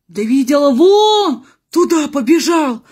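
A woman voicing an obliging, sly nun in a comic joke, with a husky voice. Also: high-pitched, expressive, slow pace, darkish tone, pitched above the performer's own voice. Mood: calm, obliging. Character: obliging nun, secretly a man dodging the draft. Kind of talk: acted joke telling.

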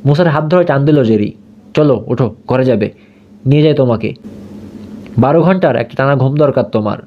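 A man giving scripted story narration as an audiobook narrator, with a steady storytelling delivery. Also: medium pitch, fairly quick. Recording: dull lo-fi audio.

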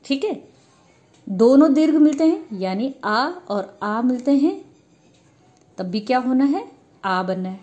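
A woman's voice: high-pitched, animated, slow pace, long pauses, warm tone, muffled recording. A woman teacher giving a grammar lesson, patiently asking questions and answering them herself. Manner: addresses students as children.

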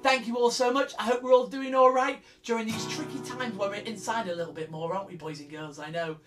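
A woman's voice: fairly high pitch, steady tone, brisk, far from the mic, over music. A woman speaking as a kids show host, theatrical and encouraging, addressing children directly in an interactive sing-along style. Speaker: children's music session host.

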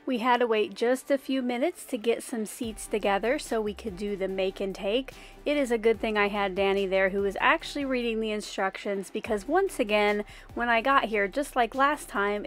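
With faint music in the background, a woman's fairly high, fairly bright voice moves at normal speed. She's a friendly, upbeat craft vlogger in her forties, filming herself at arm's length in a car and at a rest area, mixing casual chat with voice-over.

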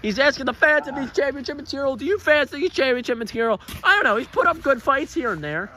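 A man giving excited, joking play-by-play commentary on a wrestling match and shouting out the count. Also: very high-pitched, fast talker, slight background noise.

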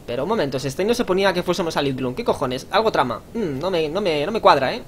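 A man's voice: fairly high pitch, animated, fast, slight background noise. A young man with a Spain Spanish accent, casually commenting on a video game, joking and crude as he reads lines aloud. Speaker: gamer. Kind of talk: casual let's play commentary. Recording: game music in the background. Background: game music.

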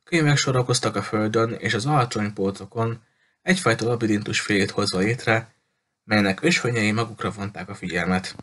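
A man narrating an audiobook in a steady storytelling manner. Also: lowish voice. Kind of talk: audiobook reading.

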